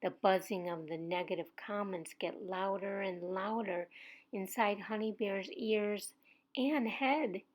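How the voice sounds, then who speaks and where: A woman reading a children's story aloud, soft and at times whispering. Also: mid-range voice, fairly even intonation. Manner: slow, soft, sometimes whispering.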